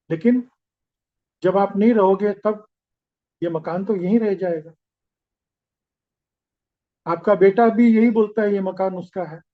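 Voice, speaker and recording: A man voicing a calm, wise young daughter-in-law who explains patiently, on a slightly dull recording. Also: sits high.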